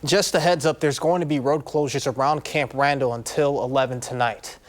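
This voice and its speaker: A man's voice: mid-range voice, steady tone, brisk. A man anchoring an evening TV newscast from a studio, upbeat, with casual asides. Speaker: news anchor. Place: TV news studio.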